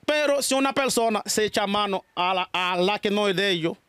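Dominican man, high-pitched, dry recording, casual interview, says mijo a lot. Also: brisk, fairly bright tone, smooth, dry recording. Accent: Dominican Spanish. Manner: calls people mijo and mija, repeats blessings. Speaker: spiritual worker interviewed.

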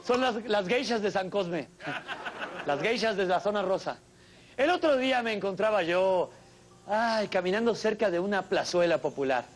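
Male comic, exclamatory stage delivery, high-pitched. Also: expressive, normal speed. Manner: theatrical, exclamatory, addresses live audience. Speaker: stand-up comedian host. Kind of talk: stand-up monologue. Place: television studio stage with audience.

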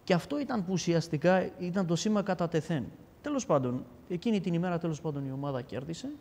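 Guy telling his testimony, acts out all the dialogue, kinda high voice, long reverb like a big hall. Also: vocal fry. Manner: animated storyteller who acts out dialogue. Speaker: guest giving a testimony. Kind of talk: casual storytelling testimony.

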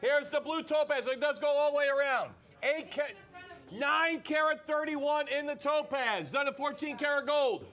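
High-voiced man repeating sales pitches. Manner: fast, repetitive, urging viewers to yell sold. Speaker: shopping show host.

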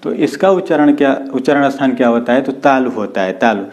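A man's voice: medium pitch, lively intonation, brisk, darkish tone. A man teaching a video lesson. He asks questions and answers them himself, and sounds out letters one at a time. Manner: repeats questions and answers them himself, often says "दोस्तों". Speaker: Hindi grammar teacher. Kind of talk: classroom-style video lesson.

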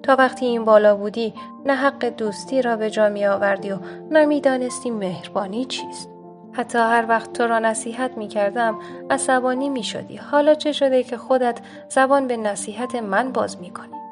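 A woman's voice: fairly high pitch, over music, natural voice. A woman voicing a sly, scornful fox in a told folk tale, speaking in a mocking, reproachful way.

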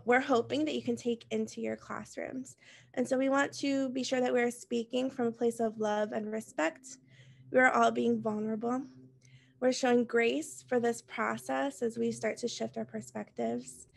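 A woman in her thirties from Puerto Rico, a music teacher presenting an online teacher workshop over a video call in a calm, earnest way. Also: on the high side, creaky. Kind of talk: online professional development presentation.

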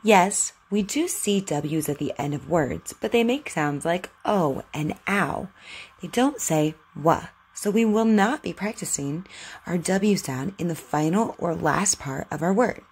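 A woman with a low, slightly husky voice teaches an articulation drill. She speaks very slowly and over-enunciates, sounding out each word with deliberate care. Her manner is encouraging and instructional, suited to children practicing speech. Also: expressive, darkish tone.

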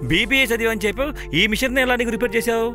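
An actor dubbing a genial boss who presses a gift on a worker, in film dialogue with music behind. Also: male voice, extremely high pitch, fast talker. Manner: genial, insistent. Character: kindly older boss, generous.

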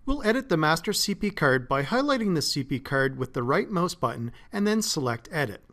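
A man narrating a scripted step-by-step tech tutorial as a support engineer, in a steady, methodical way. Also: on the high side, brisk. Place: voice-over, not recorded in the pictured place.

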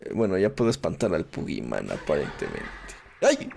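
Young male Mexican let's-player, gravelly and sarcastic, lively pitch swings. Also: moderate pace, slight background noise. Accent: Mexican Spanish. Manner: sarcastic, complaining asides to the game. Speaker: gameplay streamer. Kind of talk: casual let's play commentary.

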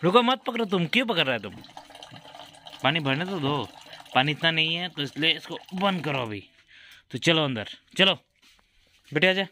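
A man's voice: fairly high pitch, lively intonation, moderate pace, pauses often, bright, forceful tone, slight background noise. A man filming a home vlog, patiently coaxing his young daughter with the same questions again and again. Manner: coaxing, repeats questions over and over. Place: home, indoors.

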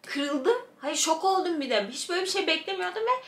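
A young woman in her twenties chatting to the camera in her bedroom, answering viewer comments in a lively, animated way. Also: extremely high pitch, a little fast, roomy sound. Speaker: fitness vlogger. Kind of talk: casual chat to the camera. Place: small bedroom with shelves, indoors. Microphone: camera in front, head and shoulders framing.

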